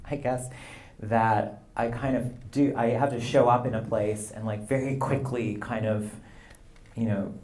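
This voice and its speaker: A man in his fifties, a poet being interviewed, talking in a relaxed, rambling way with frequent "you know" and light laughs. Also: lowish voice. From Canada and the U.S. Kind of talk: conversational interview. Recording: roomy live event sound.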